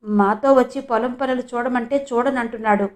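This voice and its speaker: A woman's voice: a little high, steady tone, normal speed, a little mellow, natural voice. A woman voicing a middle-aged village mother who speaks in a sorrowful, beseeching way in an audiobook. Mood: pleading.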